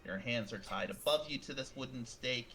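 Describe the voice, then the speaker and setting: A man narrating a tabletop game as game master, halting and repeating words as he describes the scene. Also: medium pitch, bright, forceful tone.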